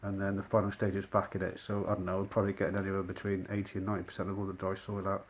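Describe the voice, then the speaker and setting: A man's voice: low voice, completely flat delivery, rapid-fire. A man chats casually as he explains his cleaning work, his voice muffled by a dust mask over his mouth. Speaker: rug cleaner presenting his own work. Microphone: speaking through a dust mask. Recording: clear background noise.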